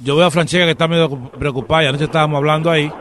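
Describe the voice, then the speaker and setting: A man's voice: a little high, steady tone, rapid-fire, lightly acted. A man playing a stern, hot-tempered uncle on a prank phone call, pushy and accusing. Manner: pushy, accusing, swears when riled. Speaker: radio prank caller. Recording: noisy phone line.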